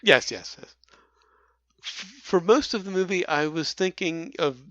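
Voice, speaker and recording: Chatty Midwestern man co-hosting a movie podcast; quick, a bit stumbly; dry home-studio sound. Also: high-pitched, fairly bright tone, no echo, muffled recording. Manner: chatty, stumbles over words. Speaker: podcast co-host. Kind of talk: casual movie review chat.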